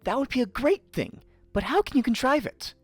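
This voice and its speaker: A man's voice: very high-pitched, very animated, brisk, slightly rough, dry recording, voice pushed up, full character voice. A man voicing a naive, good-hearted young farm lad, earnest, in a storybook reading. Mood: amazed.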